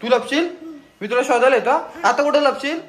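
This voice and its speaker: A man's voice: very high voice, a little fast. A man vlogging at home while playing with his little sisters, playful and coaxing, laughing often. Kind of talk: casual family vlog chat. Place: at home indoors.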